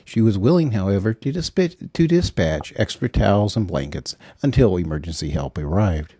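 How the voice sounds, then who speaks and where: Deadpan male audiobook narrator. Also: fairly low pitch, moderate pace, breathy edge, no echo, clean studio sound.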